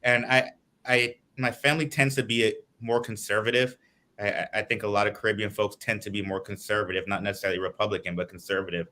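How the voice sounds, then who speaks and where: A man's voice: fairly low pitch, steady tone, fast, bright, forceful tone. A man from Guyana, a political candidate, giving earnest, lengthy answers in an interview over a video call.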